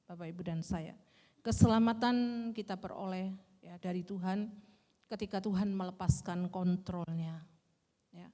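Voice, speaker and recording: A middle-aged woman preaching a gentle sermon, often adding "ya" and "kan gitu". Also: medium pitch. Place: large church hall. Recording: long church reverb.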